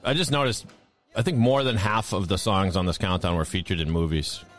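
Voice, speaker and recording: A man's voice: deep voice, soft background music. A man co-hosting a podcast, chatting casually and joking around. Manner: joking, quick to laugh. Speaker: co-host of a music countdown podcast. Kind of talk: casual chat.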